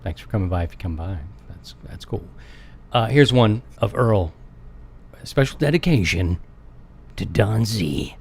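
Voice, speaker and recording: A man's voice: lowish voice, animated, a little slow, creaky, a little mellow, slightly rough. A man hosting a show, chatting casually and informally. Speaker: show host. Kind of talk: casual chat.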